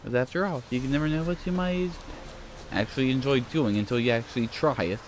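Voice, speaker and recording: Talking fast in a mid-range voice, a let's play gamer gives casual gameplay commentary and reads text aloud in a rambling, self-conscious way. His mild British-style accent comes from TV, and faint game music and slight background noise sit behind him.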